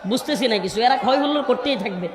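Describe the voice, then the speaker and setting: A man with a notably high voice preaches from a packed stage, alternately pleading with and scolding the restless crowd to keep quiet. Now and then he slows into a chanted recitation of scripture. His voice carries through a stage mic and rings with long, roomy reverb over a faint crowd murmur. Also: expressive, background noise. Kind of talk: sermon at a crowded religious gathering. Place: crowded stage at a large outdoor gathering.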